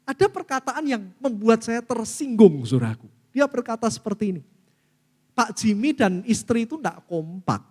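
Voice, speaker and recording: A man's voice: very high voice, moderate pace. A middle-aged pastor preaching a sermon with an Indonesian accent, calling out to the congregation as he teaches. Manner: lively preaching, often addresses listeners as saudaraku. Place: church hall. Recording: long reverb of a church hall.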